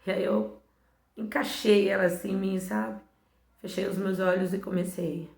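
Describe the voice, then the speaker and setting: Soft-spoken woman, roomy echo. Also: mid-range voice, level tone, normal speed, vocal fry. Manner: soft, emotional storytelling with hushed, faltering passages. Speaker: missionary. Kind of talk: personal faith testimony. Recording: roomy echo with faint background music.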